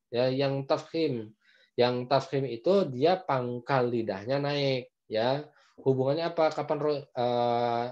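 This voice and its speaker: Patient and slow, he shows students how letters sound in an online Quran recitation class held over a video call, speaking with an Indonesian accent. The mid-range voice is a little mellow, and the recording comes through muffled.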